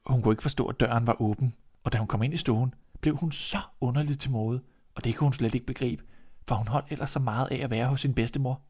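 A man narrating a classic fairy tale in a calm, even manner, his voice sitting at an ordinary middle pitch. He hosts this storytelling podcast. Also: breathy edge.

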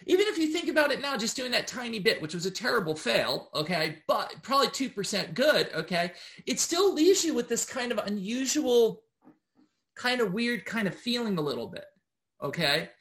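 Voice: medium pitch, sing-song, normal speed, fairly bright tone. Casual instructor, rambling monologue with constant tag-question check-ins and loose, informal phrasing. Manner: loose and informal, with occasional swearing.

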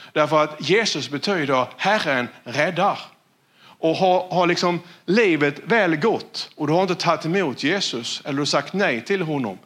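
A man preaching a sermon as a pastor, earnest, often dropping to a hushed tone for emphasis and repeating words as he restarts. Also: high-pitched.

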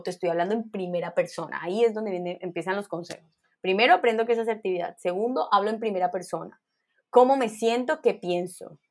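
A woman guest expert calmly explaining emotional skills in a podcast interview, laying out steps one by one. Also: mid-range voice. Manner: calm and instructive, lists steps.

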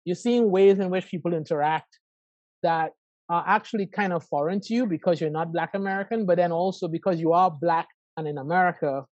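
A man in his forties, a professor from Trinidad and Tobago with a Trinidadian accent, joins a conversational interview over a call as a guest, thoughtful, reflective and fond of asking "right?". His high voice moves fairly quickly and is a little mellow. The lo-fi recording has no room sound.

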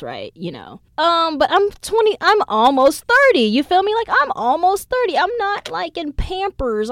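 A woman's voice: a little high, no echo, clean studio sound. A woman in her twenties hosting a podcast, telling a story in a casual, blunt and profane way. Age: 20s. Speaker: podcast host. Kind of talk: casual chat.

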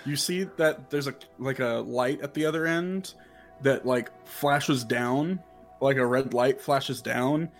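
A man at mid pitch narrating as game master. He rambles through his descriptions and fills them with "like". Faint music plays in the background. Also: takes it slowly. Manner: rambling, heavy use of "like".

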